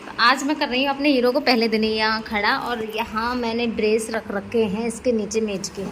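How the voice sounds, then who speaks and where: A woman's voice: a little high, steady tone, normal speed, fairly bright tone, low-quality recording. Chatty woman vlogging over rain noise. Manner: chatty, explains each step to viewers. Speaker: home caregiver vlogger. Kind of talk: casual home vlog narration. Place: at home during heavy rain.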